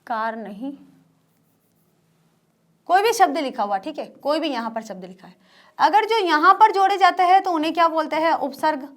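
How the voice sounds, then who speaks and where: A woman's voice: high voice, animated, normal speed, pauses often. A woman teaching an exam-prep grammar lesson to students, asking questions and answering them herself and repeating the key terms.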